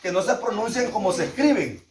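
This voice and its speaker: Speaking fairly quickly in a high, expressive voice, this Salvadoran Spanish-accented man leads a class through a Bible lesson. He hammers key words through repetition and asks his students questions, while the echoey room and distant mic leave him sounding far off.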